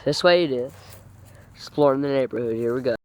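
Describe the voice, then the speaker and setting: A vlogger walking an old dog through the neighborhood, cooing at her in a high singsong voice and getting out of breath. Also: a little fast. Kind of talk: casual narration to camera and baby talk to a dog. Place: outdoors on a neighborhood street in cold weather. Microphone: phone camera held while walking. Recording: noisy outdoor phone recording.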